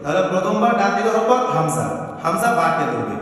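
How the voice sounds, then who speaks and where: A man teaching a Quran reading class, taking learners through letter drills and chanting verses in a slow sing-song. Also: high-pitched, big pitch swings, a bit bright. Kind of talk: spelling drill and recitation lesson. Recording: very echoey hall from far off.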